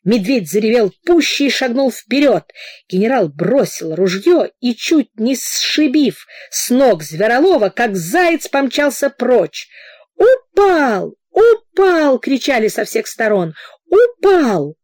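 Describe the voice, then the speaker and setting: A woman narrating a novel aloud in an expressive way, giving the characters voices of their own. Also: fairly high pitch, unhurried, dry recording, studio quality. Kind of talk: audiobook narration, reading a novel.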